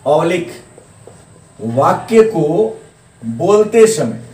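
A man's voice: on the high side, big pitch swings, drawn-out words, darkish tone. A male teacher giving a grammar lesson, repeating key terms and asking questions he answers himself. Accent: Hindi, eastern. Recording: echoey room, mic at a distance.

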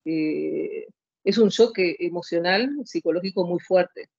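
A woman's voice: fairly low pitch, unhurried, creaky, a little mellow, dry recording, lo-fi sound. A woman in her late fifties telling her own story as an interview guest, rambling and heartfelt. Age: 50s. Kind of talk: emotional personal account.

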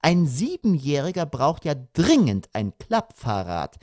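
A man reading an audiobook voices a sharp-tongued, pointed middle-aged mother. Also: fairly high pitch, animated, moderate pace, no room sound, studio quality, voice pushed up.

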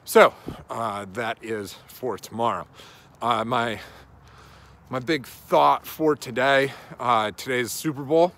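Speaking slowly in a fairly bright, mid-range voice, a coach in his thirties thinks aloud while walking a suburban residential street. He records this casual vlog monologue on a phone held at arm's length.

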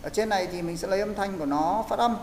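In an online English pronunciation class, a fast-talking man with a high voice walks students through each step, explaining and coaching. His recording has an echoey, hall-like roominess and a faint hiss.

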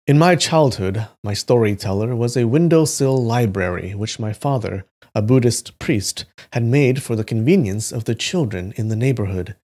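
A man at an everyday mid-range pitch reads folktales aloud in a plain, steady narration. Now and then he drops into loose, joking commentary. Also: moderate pace, hardly any pauses. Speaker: YouTube history host. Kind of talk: reading folktales aloud with casual asides.

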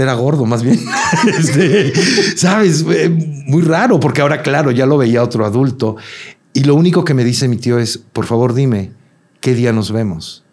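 A man's voice: medium pitch, breathy edge. A Mexican man in his thirties, a guest telling a personal story in casual chat, acting out the voices of the people in it. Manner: animated storyteller, acts out quotes.

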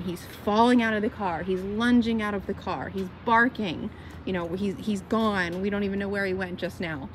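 Calm upbeat woman dog trainer. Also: mid-range voice. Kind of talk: casual instructional vlog. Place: inside a parked car, then outdoors on a street. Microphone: phone camera held at arm's length. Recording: noisy car and street ambience.

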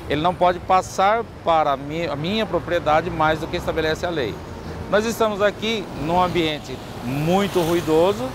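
A man with a fairly high voice explains things to an interviewer, pausing and restarting now and then. He stands outdoors on a busy square, with loud traffic all around. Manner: explaining, with hesitations. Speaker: engineer interviewed.

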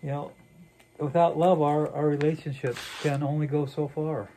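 A man's voice: a little high, level tone, moderate pace, dark tone, poor audio. An older man, a pastor, talks through a sermon with a co-host in a small wood-paneled room, earnest and reflective with many "you know"s. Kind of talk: conversational sermon dialogue.

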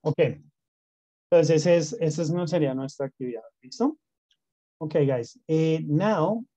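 Mellow-voiced teacher. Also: male voice, fairly high pitch, dry recording. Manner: mixes Spanish and English, frequent "¿no?" and "¿listo?" checks. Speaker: English teacher. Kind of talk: online class explanation. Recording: dull lo-fi sound.

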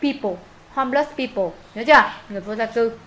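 A woman's voice: fairly high pitch, brisk, fairly bright tone. A Vietnamese woman teaching an English lesson in a classroom, reading lines aloud, translating them and drilling vocabulary with repetition.

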